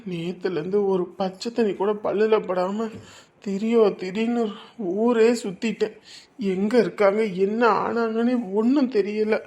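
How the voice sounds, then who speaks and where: A woman's voice: medium pitch, dark tone, lightly acted. A woman voicing a worn-out young husband who is desperately searching for his missing wife, pleading and tearful. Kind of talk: audio drama acting.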